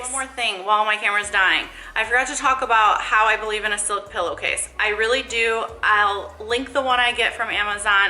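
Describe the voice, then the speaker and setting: A woman's voice: mid-range voice, pushed and bright, echoey room, low-quality recording. A young woman and hair stylist chatting casually through a home tutorial, rambling with lots of fillers and asides, a bit out of breath.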